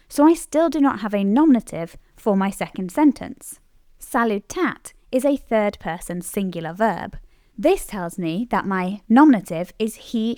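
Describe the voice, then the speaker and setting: A woman explaining Latin grammar in a scripted lesson, clearly stressing the key words. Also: medium pitch, a little mellow, no room sound, clean studio sound. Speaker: Latin teacher.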